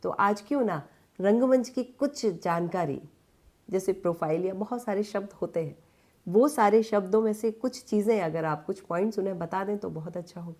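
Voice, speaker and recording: A woman's voice: mid-range voice, moderate pace, a little mellow. A woman radio presenter hosting an interview in a studio, polished and attentive, who keeps the talk moving with brief affirmations.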